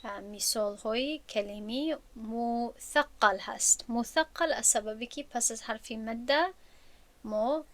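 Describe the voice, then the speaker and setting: A woman teacher gives a recorded lesson in a slightly high voice. She explains things patiently and keeps restating each point in new words so it sinks in. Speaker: teacher of Quran recitation rules.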